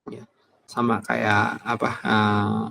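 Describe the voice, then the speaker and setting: Low-voiced man preaching casually. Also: completely flat delivery, slow, creaky, bright, forceful tone, slight background noise. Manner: chatty, many fillers like gitu ya, personal anecdotes. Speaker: evangelist preacher. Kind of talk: casual conversational sermon.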